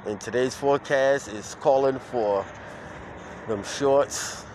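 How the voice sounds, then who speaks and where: A man hosting his own podcast outdoors, playing a loud, upbeat morning-radio host who stretches out words and laughs. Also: medium pitch, slight background noise. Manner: hype-man energy, drawn-out shouted words, laughing. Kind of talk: playful mock morning-radio show. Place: outdoors in the street.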